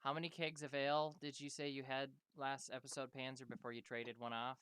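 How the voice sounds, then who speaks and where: Bright, clear-voiced male game master. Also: medium pitch, level tone, brisk, dry recording. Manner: casual, with frequent ums and restarts. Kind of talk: narrating a tabletop game.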